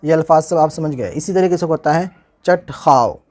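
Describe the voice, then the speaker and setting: A man teaching Urdu handwriting, spelling each word slowly and repeating it, often asking how the letters are joined. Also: on the high side, a little mellow. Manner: slow, patient, repeats each word and asks "how will we join this?". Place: indoors, recording a tutorial without a camera.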